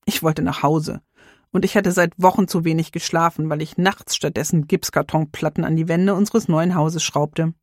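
A woman, a mother, reading her own story in a quiet, reflective way. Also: on the low side, no room sound, studio quality. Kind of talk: scripted personal narration.

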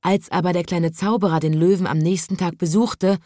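A woman reading a children's story aloud in a calm, expressive way. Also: fairly low pitch, brisk, no echo, studio quality.

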